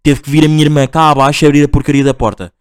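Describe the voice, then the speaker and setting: A man's voice: on the high side, little pitch movement, very fast, clean tone, dry recording, clean studio sound. A young man from Portugal, rambling slangy and exasperated through a casual storytelling monologue to his listeners.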